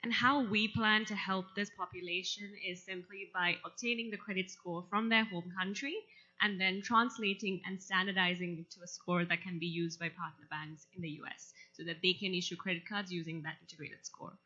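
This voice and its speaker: Sri woman explaining a startup pitch, bright clear tone. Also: steady tone, fairly quick. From Sri Lanka. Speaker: student pitcher. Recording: slightly muffled event audio.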